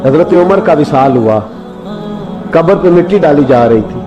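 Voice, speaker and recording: A man preaching an Islamic sermon, telling stories with passion and building to high emotional peaks. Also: expressive, normal speed. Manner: impassioned storytelling, rising to high emotional climaxes. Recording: dull lo-fi sound with background music. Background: background music.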